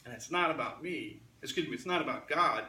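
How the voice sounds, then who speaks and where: A man's voice: mid-range voice, lively intonation, fairly quick, pushed and bright, a little hiss or hum. A man preaching a sermon as pastor, talking conversationally and acting out the lines he quotes. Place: church sanctuary. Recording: roomy church sound from a distant mic.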